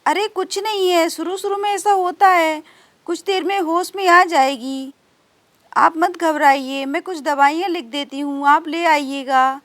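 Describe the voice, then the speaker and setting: A calm nurse in a homemade doll story who soothes a worried family in unhurried words, as a woman narrator voices her. Her voice sits high, and the recording is dry. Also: dry recording. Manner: soothing, reassuring. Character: calm, reassuring village nurse.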